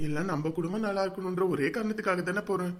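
A dutiful young soldier son, voiced by an actor gently reassures his family. His delivery is calm and patient. The tone stays warm and steady as he soothes them. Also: sits high, rapid-fire, close to an everyday voice. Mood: reassuring. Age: young adult. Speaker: son leaving for the army. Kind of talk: family drama acting.

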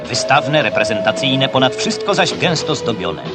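An old newsreel voice-over from a man speaking in a formal, measured, official way. His voice sits at an ordinary middle pitch. Loud music plays beneath his narration. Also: big pitch swings. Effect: old newsreel soundtrack.

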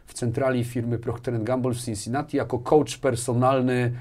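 The speaker is a business manager in his forties, a guest in a small furnished indoor studio wearing a lapel mic. His mid-range voice is level, brisk, and a little mellow as he relays personal anecdotes in a conversational way, often ending with tag questions.

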